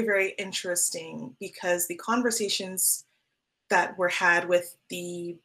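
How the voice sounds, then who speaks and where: A young woman guest in a casual interview, speaking thoughtfully with pauses. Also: lowish voice.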